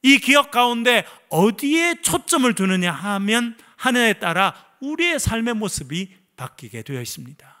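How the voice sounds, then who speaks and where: A male pastor preaching a sermon with animated storytelling, asking the congregation questions as he goes. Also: high voice, moderate pace. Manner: animated storytelling preacher, voices the quoted figures. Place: church service.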